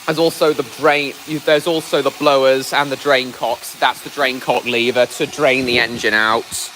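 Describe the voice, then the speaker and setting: A man's voice: mid-range voice, fairly even intonation, moderate pace, low-quality recording. Man livestreaming over engine noise, raised voice. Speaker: livestreamer, train enthusiast. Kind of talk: casual live stream commentary. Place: outdoors at a heritage railway engine. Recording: loud engine noise behind voice. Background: steam engine noise.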